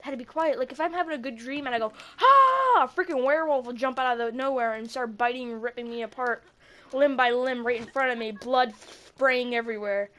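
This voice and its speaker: A woman's voice: on the high side, fast talker. A young woman co-hosting a casual podcast, telling a spooky story and acting out the quotes with yelps. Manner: animated, acts out quotes with yelps. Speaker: podcast co-host.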